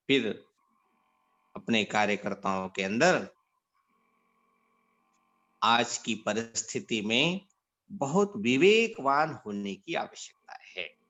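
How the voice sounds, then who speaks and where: A man's voice: expressive, fairly bright tone. A man from India giving an instructive talk to volunteers and telling short parables as he teaches. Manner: storytelling, varies pitch widely, slow deliberate delivery. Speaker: organisation leader giving guidance to volunteers.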